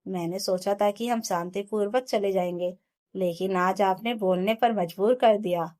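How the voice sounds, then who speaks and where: Female narrator doing a resolute young husband, earnest storybook voice, mid pitch. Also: fairly even intonation, normal speed, darkish tone, natural voice. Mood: firm. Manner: firm, earnest.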